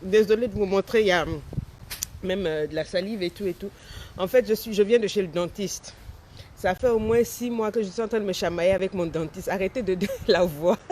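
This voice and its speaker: A woman's voice: medium pitch, a little fast, a little mellow, a little hiss or hum. A woman in her forties, a life coach chatting casually on a live stream, talking with a slight lisp from a dental aligner and answering viewers' comments. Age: 40s.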